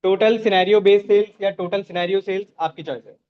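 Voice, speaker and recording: A man teaches a live online class, pausing often to check on his students. His voice sits high. The recording is dull and lo-fi. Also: steady tone, smooth.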